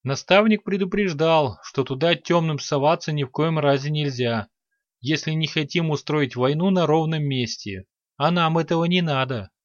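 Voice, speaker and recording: A man's voice: fairly high pitch, moderate pace, dry recording, lo-fi sound, close to an everyday voice. A man voicing an earnest, cautious young woman mage in an audiobook.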